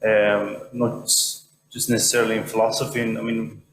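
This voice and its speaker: A man from Sweden in the audience asking a question at an academic lecture, talking haltingly with many restarts. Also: on the low side, level tone, vocal fry. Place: lecture hall. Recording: echoey hall with faint hum.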